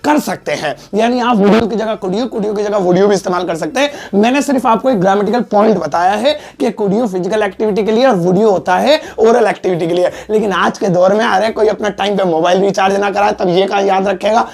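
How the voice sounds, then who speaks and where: A man leads an English lesson with a gravelly edge to his voice. He jokes and teases between explanations and says every example twice, once in Hindi and once in English. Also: high-pitched, brisk, few pauses, a little mellow. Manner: joking, teasing asides between explanations. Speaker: English teacher. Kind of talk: classroom-style spoken lesson.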